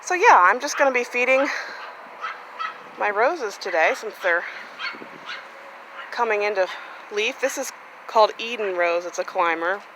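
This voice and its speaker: This gardening vlogger speaks unhurriedly in a medium pitch with lively intonation, leaving long pauses as she wanders her sunny garden. Filmed on a handheld phone with background noise, her casual talk is full of fillers.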